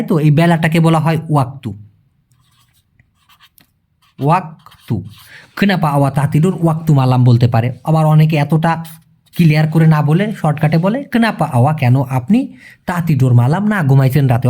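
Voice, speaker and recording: A man teaching a language lesson in a casual, colloquial way, calling the listener brother and slowing right down to spell out each phrase. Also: on the high side, mellow. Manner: explains step by step, slows down sharply to spell out phrases.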